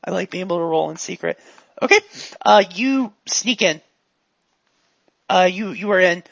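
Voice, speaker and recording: Guy gm'ing a tabletop game, super gravelly, kinda high voice, dull lo-fi mic. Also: lively intonation, a bit bright, no room sound. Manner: playful, jokey, quick asides. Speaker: game master.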